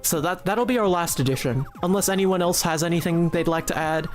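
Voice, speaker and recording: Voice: mid-range voice, fairly quick, faint music behind. A streamer giving casual live commentary while making a game, giggly and rambling, often restarting sentences and joking in a mock-serious way to chat.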